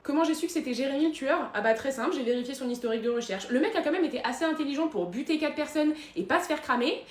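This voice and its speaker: A woman performing comedic sketch monologues, self-assured and deadpan. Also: high voice, fast, echoey room. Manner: deadpan, self-assured, playing several characters.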